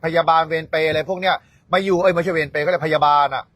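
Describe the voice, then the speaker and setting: A man who teaches the dharma speaks in a blunt, coarse, scolding rant. His voice sits a little higher than most men's. It sounds like casual spoken talk aimed straight at his followers. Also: fairly even intonation, racing, fairly bright tone, no echo.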